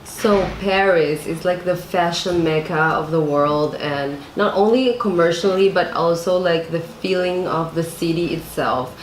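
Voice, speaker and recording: A woman's voice: fairly low pitch, a little slow, few pauses. A woman interviewer asking casual questions with frequent fillers. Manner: casual, laughs often, fillers like "like". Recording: echoey room, faint noise.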